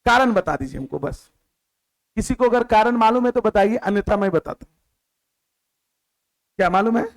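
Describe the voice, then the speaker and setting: A man teaching a maths class, who asks the students questions, repeats key words and answers them himself in a lower voice. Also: lively intonation, normal speed, rough recording. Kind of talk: classroom lecture.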